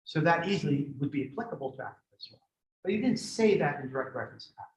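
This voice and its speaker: Speaking very fast, animated, and a little high, a Greek-born man gives a history lecture in a community center room and answers audience questions. His answers are thoughtful and digressive, full of restarts. The room echoes and the sound is dull and lo-fi.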